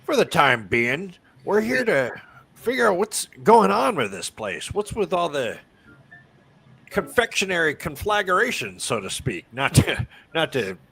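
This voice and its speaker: A man voicing a smooth-talking male adventurer cook with a husky voice, folksy and sly. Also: on the high side, very animated, unhurried, pushed and bright, pitched above the performer's own voice, exaggerated voice. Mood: wry.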